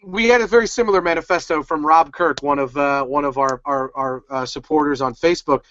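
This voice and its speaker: A man's voice: fairly high pitch, fairly quick, a bit bright. A man co-hosting a casual recap podcast, talking in a rambling, upbeat way full of restarts. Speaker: podcast co-host. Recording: dull, dry home recording.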